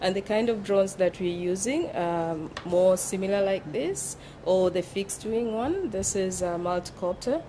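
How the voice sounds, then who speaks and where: A woman's voice: medium pitch, lively intonation, a little slow, few pauses, dark tone, slight background noise. A woman from Tanzania, explaining things patiently as a guest on a conference panel, with fillers between her points. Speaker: panel guest, drone operator. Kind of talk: panel discussion. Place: conference exhibition stand.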